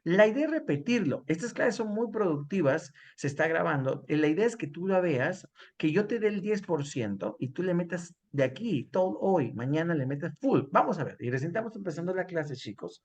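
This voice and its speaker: Bilingual man teaching English slowly. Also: fairly high pitch, expressive, a little mellow, breathy edge. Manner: mixes Spanish and English, repeats examples slowly. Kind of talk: online English class.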